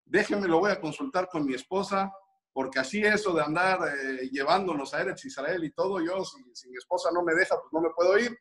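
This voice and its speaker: A man putting on a jumpy villager, fussy and pleading, pitched up high. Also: brisk, natural voice. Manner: excitable, pleading. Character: simple worried male villager, middle-aged.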